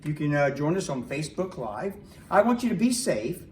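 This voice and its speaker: A man's voice: fairly high pitch, very animated, normal speed, slight background noise. A male pastor closing a church livestream with announcements and well-wishes. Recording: echoey church room, distant mic.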